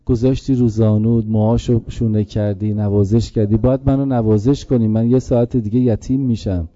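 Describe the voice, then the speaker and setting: A man's voice: on the low side, fairly even intonation, mellow, no echo, natural voice. A male preacher voicing a grieving young girl pleading with her father during a sermon, on a dull lo-fi recording.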